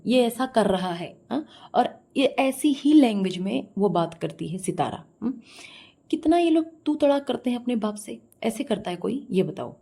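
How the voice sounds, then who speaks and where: A woman's voice: mid-range voice, dark tone, slightly rough. A woman giving scornful, scolding reaction commentary and putting questions to her viewers. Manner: asks the viewers directly. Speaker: reaction vlogger.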